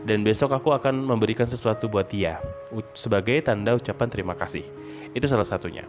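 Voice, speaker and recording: A man casually telling a personal story in a chatty, dramatic, expressive way. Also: fairly low pitch, quick pace. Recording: guitar music under the voice.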